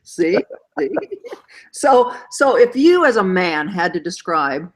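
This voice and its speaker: A woman's voice: lowish voice, big pitch swings, takes it slowly. A woman hosting a casual chat show, playful and teasing, laughing often between remarks. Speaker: host.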